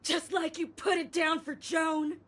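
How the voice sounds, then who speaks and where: A woman's voice: very high voice, little pitch movement, measured pace, a bit bright. A woman playing a bitter, grieving mother who accuses fellow survivors in a dramatic video game. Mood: furious.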